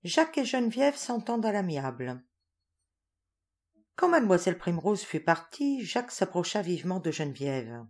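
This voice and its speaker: A woman narrates a classic novel for an audiobook in a clear, expressive reading. Her voice sits somewhat low and moves with a lively, varied melody. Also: moderate pace. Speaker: audiobook reader.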